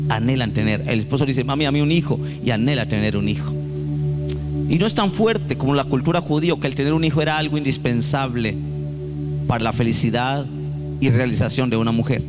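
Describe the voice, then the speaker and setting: A male pastor delivers a fervent church sermon in a fairly high voice. He reads scripture and lifts into sung pleading at the peaks. Music plays clearly underneath. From Colombia. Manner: impassioned preaching, reading scripture aloud and rising into sung pleas.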